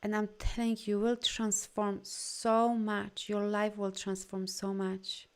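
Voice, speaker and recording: In a clear, resonant, mid-range voice, a woman speaks in a monotone at an unhurried pace. She is a non-native English speaker coaching live viewers through an energy healing session, informal and effusively encouraging, often pausing to read comments aloud.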